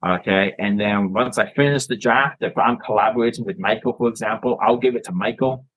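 A man's voice: fairly low pitch, fairly quick, fairly bright tone, a little hiss or hum, rough recording. A man from Canada, a filmmaker guest chatting casually in an interview, rambling and often restarting his words.

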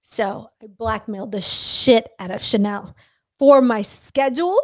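Young woman, high voice, animated storyteller who does voices. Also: a little slow. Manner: animated, laughing, acts out quoted people. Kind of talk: casual storytelling chat.

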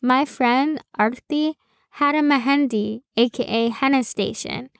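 Slow, deliberate woman podcast host. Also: high-pitched, vocal fry, dry recording, clean studio sound. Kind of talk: scripted personal narration.

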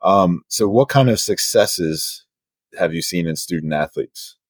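A man in his thirties hosting a podcast, telling stories in a relaxed, chatty way with easy laughs. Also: low-pitched, measured pace, slightly rough, no echo, clean studio sound. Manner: relaxed storytelling, fillers, laughs. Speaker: podcast host. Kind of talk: casual conversational interview.

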